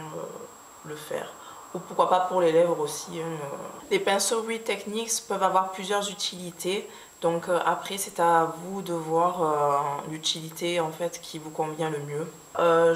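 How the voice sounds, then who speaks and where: A woman vlogger casually showing her makeup brushes, talking slowly with many hesitations and fillers. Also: low voice. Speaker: beauty vlogger. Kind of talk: casual product review. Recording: echoey room with faint background hiss.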